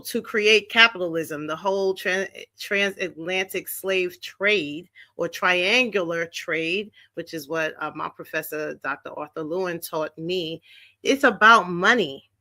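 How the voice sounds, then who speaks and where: Female panel guest, bright forceful voice, dry close sound, emphatic delivery. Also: lowish voice, no echo. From Queens, New York. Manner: emphatic, punctuates points with "right?" and "okay?". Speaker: guest speaker. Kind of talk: impassioned panel talk.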